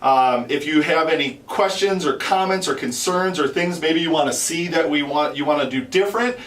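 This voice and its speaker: A man's voice: on the high side, moderate pace, fairly bright tone. A man hosting an instructional video in an informal, conversational way, often repeating and rephrasing himself as he explains. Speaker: host and instructor. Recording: roomy echo, distant from the mic.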